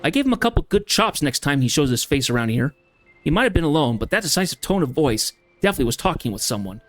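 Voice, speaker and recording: A man's voice: very animated, fast. A man voicing a brash, boastful male fighter eager for a brawl, in a rowdy, raised voice. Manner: rowdy, boastful, higher than his own voice.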